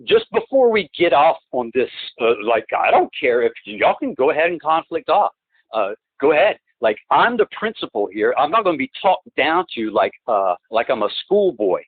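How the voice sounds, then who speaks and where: Man, heard over a phone line, tinny and thin, dry sound, halting rambling speech, insistent. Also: fairly high pitch, very animated, breathy edge, no room sound. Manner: halting and rambling, many restarts and repeated words; insistent, emphatic complaints. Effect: heard through a phone line. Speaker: client on a phone call. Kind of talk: phone conversation.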